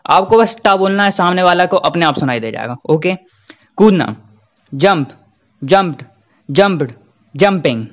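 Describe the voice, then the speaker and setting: A young man teaching verb forms, repeating each form slowly and deliberately. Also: sits high, animated. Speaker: English teacher. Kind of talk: Hindi-language English grammar lesson.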